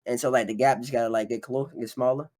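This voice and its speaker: A confident, boastful man talking rapidly as a guest on a casual esports podcast. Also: medium pitch, steady tone, darkish tone. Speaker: guest analyst.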